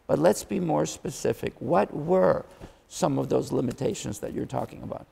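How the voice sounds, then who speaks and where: Gravelly man interviewing in a reverberant room. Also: fairly high pitch, normal speed, mellow, a little hiss or hum. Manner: hesitant, musing with fillers. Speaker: interviewer host.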